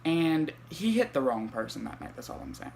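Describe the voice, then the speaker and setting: A young man, telling a storytime vlog in an animated, profane way full of fillers. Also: mid-range voice, moderate pace, creaky, slight background noise. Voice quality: light voice. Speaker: vlogger.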